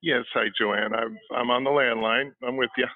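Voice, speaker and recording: A man's voice: medium pitch, fairly even intonation, moderate pace, no echo. A man calling in over a landline phone as a guest on a call-in show, greeting briefly with a small stammer. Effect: heard over a landline phone. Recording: tinny phone line, distant.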